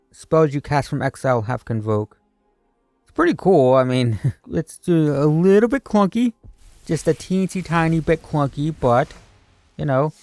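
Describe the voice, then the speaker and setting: A man with a mid-pitched voice gives casual gaming commentary, thinking out loud as he goes. His delivery is hesitant and rambling. The sound is dry, with music softly present behind him. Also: no room sound. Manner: rambling, hesitant, musing aloud. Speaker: video creator opening card packs.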